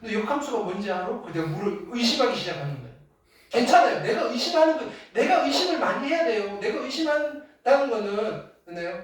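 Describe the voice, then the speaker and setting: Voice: fairly quick, distant mic. Emphatic teacher in echoey classroom. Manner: emphatic, keeps asking "됐나요?" and "알겠어요?"; lively, loud bursts then drops low. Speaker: high school math teacher. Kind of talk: classroom lecture.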